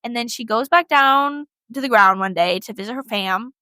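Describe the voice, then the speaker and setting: A young woman co-hosting a podcast retells a myth in a casual, chatty, slangy style, saying "like" constantly. Her voice is a little high, pushed and bright, at a moderate pace, and the recording is dry.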